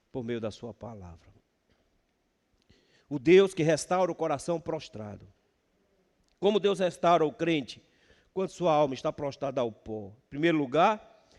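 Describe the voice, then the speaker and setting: A Brazilian man preaching a sermon as pastor, swinging between loud emphasis and hushed words. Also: a little high. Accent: Brazilian Portuguese. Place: church sanctuary. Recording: church hall reverb.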